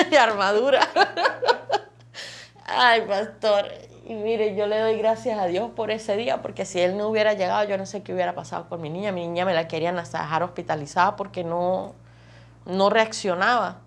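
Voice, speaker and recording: A woman's voice: mid-range voice, fairly even intonation, a little fast. A woman gives an emotional personal testimony. She tells her story vividly, stacking phrase on phrase and repeating words for emphasis. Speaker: testimony guest.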